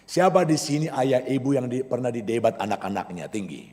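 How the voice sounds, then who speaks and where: A man from Indonesia, a pastor, preaching a church sermon with lively storytelling and sudden loud bursts. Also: medium pitch, a little fast. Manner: animated storytelling with sudden loud outbursts and laughter. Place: church hall. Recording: long hall reverb.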